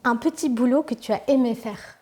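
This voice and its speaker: A woman's voice: a little high, normal speed, dark tone. A woman hosting an interview, reading out questions and adding brief, friendly prompts.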